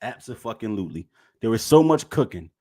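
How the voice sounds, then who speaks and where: A man co-hosting a casual podcast, talking emphatically, repeating his points and swearing, and getting loud and animated when excited. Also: lowish voice, brisk. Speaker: podcast co-host. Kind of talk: casual chat.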